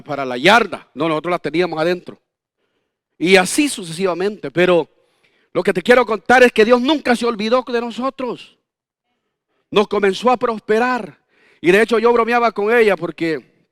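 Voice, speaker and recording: A pastor in his fifties with a notably high voice delivers a sermon, swinging between homely anecdotes, little jokes and rhetorical questions to the congregation. The recording is dry and close, with almost no room sound. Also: a bit bright, no room sound. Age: 50s.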